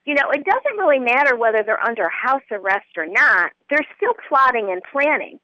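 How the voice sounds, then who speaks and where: Over muffled phone-line audio, this guest commentator on political talk radio sounds a little high, very animated and sharp, speaking at a moderate pace. Her earnest delivery builds into indignant emphasis, and the recording is dry.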